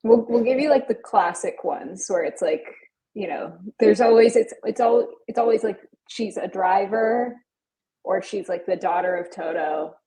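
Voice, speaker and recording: A woman's voice: mid-range voice, normal speed, dark tone, low-quality recording. A woman co-hosting a podcast, upbeat and playful in casual chat. She closes out the episode and signs off. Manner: upbeat and playful, wraps up the show. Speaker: podcast co-host.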